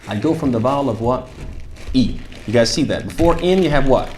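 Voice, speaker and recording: A tajweed teacher with a medium-pitched voice talks a little fast, recorded with reverb and slight background noise. Animated, he models the sounds and asks his students questions as he teaches.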